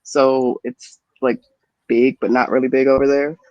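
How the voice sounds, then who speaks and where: A man's voice: medium pitch, flat delivery, measured pace, darkish tone, no room sound, muffled recording. A man who grew up in Japan, a cosplayer guest, talking in an easygoing way with plenty of "kinda" and "like.". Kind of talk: casual group chat.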